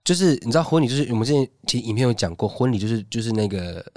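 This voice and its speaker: A man's voice: mid-range voice, expressive, rapid-fire, a little mellow, no room sound, studio quality. A man, co-hosting a casual podcast, telling his emcee stories in a brash, teasing way and acting out the dialogue. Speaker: podcast co-host and event emcee. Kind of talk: casual chat, storytelling.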